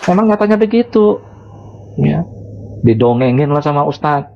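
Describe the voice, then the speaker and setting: A man's voice: a little high, animated, normal speed, gravelly, dull audio, noisy background. A man talking casually on a live stream as a religious debater, mocking and chuckling between phrases.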